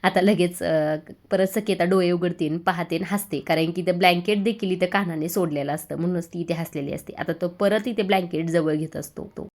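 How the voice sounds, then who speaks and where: A woman hosting a channel, retelling the day's episode of a TV serial in a steady storytelling manner. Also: lowish voice, a little fast, few pauses. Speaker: channel host.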